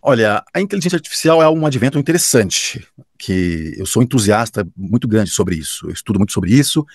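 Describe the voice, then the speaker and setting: Lively husky Brazilian announcer man. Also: lowish voice, brisk, no room sound, studio quality. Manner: enthusiastic, emphatic, with frequent restarts. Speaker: professional announcer and radio director. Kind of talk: casual interview answers.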